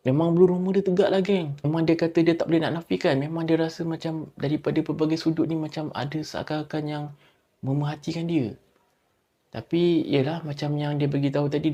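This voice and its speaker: Mellow man telling ghost stories. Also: fairly high pitch. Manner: chatty, addresses listeners as a gang, dramatic pauses. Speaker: horror storyteller. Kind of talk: casual spooky story narration.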